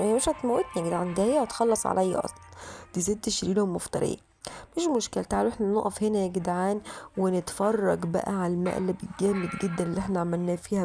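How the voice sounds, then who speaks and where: Fast, gravelly Egyptian woman commenting on a game. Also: medium pitch. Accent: Egyptian Arabic. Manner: excitable, keeps calling out to the viewers. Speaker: gaming channel host. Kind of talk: let's-play game commentary.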